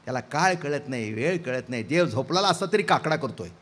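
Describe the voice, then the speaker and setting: A man's voice: fairly high pitch, animated, brisk, fairly bright tone. A man preaching a devotional kirtan sermon, telling stories with acted dialogue and asking the audience questions. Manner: theatrical, acts out dialogue, asks the audience questions.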